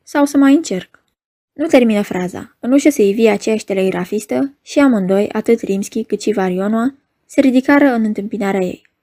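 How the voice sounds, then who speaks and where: Woman audiobook narrator, measured, even, mid pitch. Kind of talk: novel reading.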